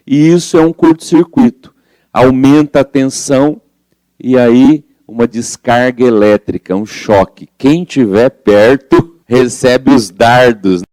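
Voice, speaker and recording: A man's voice: lowish voice, a little mellow, no room sound. A man leading a study group, explaining a spiritual book and reading passages aloud in a conversational way that asks the group questions.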